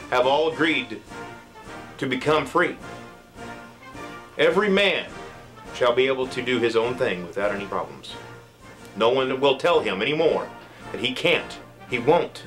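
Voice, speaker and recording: A man's voice: medium pitch, a bit bright, pitched above the performer's own voice, poor audio. A man playing a grandiose male president giving a televised address, in a solemn, sweeping speech-making manner.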